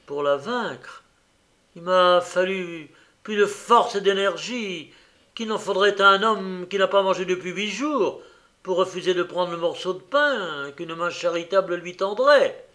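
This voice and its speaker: A man's voice: on the high side, animated, slow pace, pitched above the performer's own voice, full character voice. A man voicing an old, tormented gambler who turns desperate and furious. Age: older. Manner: anguished, rising to shouted rage.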